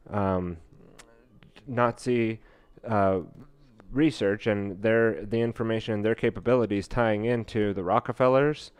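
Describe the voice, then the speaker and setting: Male podcast host reading and commenting, smooth resonant voice, dry close sound, halting with fillers. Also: mid-range voice, a little mellow, no echo. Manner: halting, many fillers and restarts while reading.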